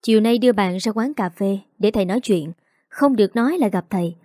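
A woman's voice: medium pitch, brisk, warm tone, no echo, studio quality, natural voice. A woman voicing a cold, controlling male teacher who speaks in stern commands.

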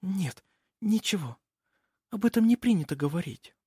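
A man voicing a frightened young girl who pleads in a hushed whisper. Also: high voice, animated, normal speed, breathy edge, no echo, clean studio sound, pitched above the performer's own voice, heavily acted. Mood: hushed pleading.

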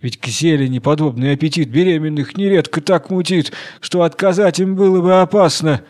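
A man's voice: on the high side, a little fast, darkish tone, close to an everyday voice. A man voicing a sly, scheming young wife who pleads and then talks her way out of trouble. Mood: pleading. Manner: pleading, then smoothly excusing herself.

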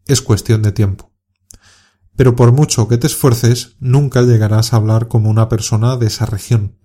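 A man with a Castilian Spanish accent reads a scripted podcast lesson for learners. His voice is mellow and warm, pitched in an ordinary middle range. He explains calmly and clearly and urges learners on. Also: normal speed. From Spain. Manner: calm, clear, encouraging explanation. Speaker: Spanish teacher.

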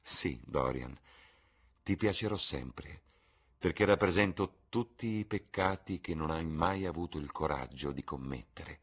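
A man voicing a witty, cynical aristocratic gentleman in an audiobook reading, with a husky voice and a drawling, ironic delivery. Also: extremely low pitch, unhurried, full character voice. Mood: languid.

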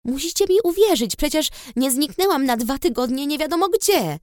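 A woman's voice: high voice, expressive, moderate pace, a little mellow, no room sound, clean studio sound, voice pushed up. A woman reading the lines of a frightened, stubborn teenage girl who rides a dragon, urgent and pleading.

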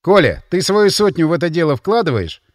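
A man voicing a hard-nosed mercenary who bargains in a blunt, forceful way. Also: a little high, very animated, fairly quick, no room sound, clean studio sound. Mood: bargaining.

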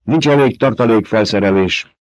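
A male narrator voicing a calm, reserved desert scientist who answers in a matter-of-fact way. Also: fairly low pitch, no echo, lo-fi sound, pitched above the performer's own voice, lightly acted.

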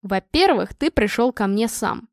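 A woman reading the part of a calm, sardonic young man who lectures his friend. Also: a little high, no echo, lightly acted. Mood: lecturing. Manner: unhurried and dry.

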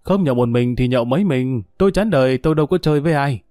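A bitter older woman, drunk and cursing, drawls her grievances in a slow, coarse grumble, voiced by a male reader. The sound is dry and close, in a storybook reading. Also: medium pitch, animated, dark tone, dry recording, faint music behind, lightly acted. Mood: boastful.

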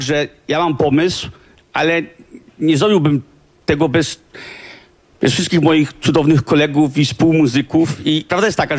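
Husky-voiced man chatting from a concert stage. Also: on the high side. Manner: informal, chatty, warm toward colleagues. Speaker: musician hosting a concert. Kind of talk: onstage concert talk to the audience. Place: concert stage before an audience.

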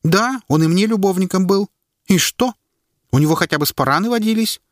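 A man's voice: high-pitched, animated, brisk, no room sound, studio quality, pitched above the performer's own voice. A man voicing a brash, unashamed woman from the crowd in an audiobook, speaking defiantly.

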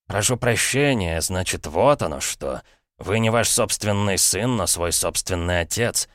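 A man reading an audiobook voices a jovial, mocking middle-aged brother-in-law, speaking in a teasing, ironic and unhurried way. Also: low voice, animated, a bit bright, no room sound, clean studio sound.

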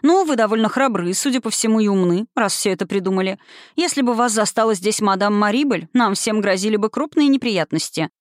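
A sardonic young woman delivers dry, lecturing jabs, as an audiobook reader puts her on. The voice sits at a middle pitch and is recorded dry and close. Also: lively intonation, brisk, no echo, close to an everyday voice. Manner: ironic, lecturing. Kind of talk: audiobook reading.

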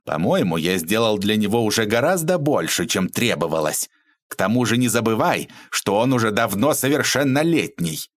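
A man voicing an irritable middle-aged shop owner who snaps and shouts when pushed. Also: fairly low pitch, big pitch swings, moderate pace. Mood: firm. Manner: exasperated, shouting.

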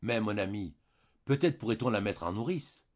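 A man voicing a troubled, gentle young wife who pleads earnestly in a storybook reading. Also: lowish voice, lively intonation, normal speed, muffled recording. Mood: puzzled.

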